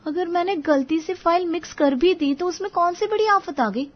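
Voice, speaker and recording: A woman playing a young new daughter-in-law, cartoon, timid, polite, high-pitched, slightly muffled recording. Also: normal speed, lightly acted. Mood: indignant. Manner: polite, anxious to please.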